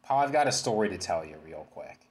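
A man's voice: deep voice, sing-song, fast, a crowd in the background. A man in a casual sports chat, telling a story with a dramatic setup. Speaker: panelist.

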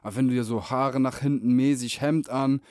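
A man's voice: mid-range voice, fairly even intonation, fairly quick, a little mellow, clean tone, no room sound, studio quality. A young man hosting a casual podcast chat, talking in crude, joking slang. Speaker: podcast host.

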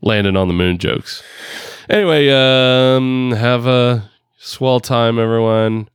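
A man's voice: medium pitch, slow pace, smooth, no room sound, clean studio sound. A man hosting a casual podcast chat, rambling with lots of fillers and frequent laughs, hamming up a New York accent. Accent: put-on New York. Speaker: podcast host. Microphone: headphones and home podcast rig.

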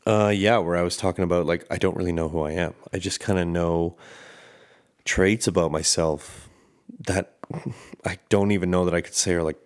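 A man hosting his own podcast, talking candidly and rambling with frequent swearing. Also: low-pitched. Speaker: podcast host. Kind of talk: casual solo podcast monologue.

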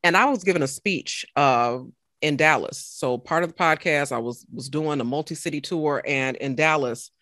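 A podcaster guest telling an emotional faith story in a conversation, animated and full of restarts. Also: medium pitch, moderate pace, no echo, studio quality. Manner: animated, faith-filled testimony with many restarts.

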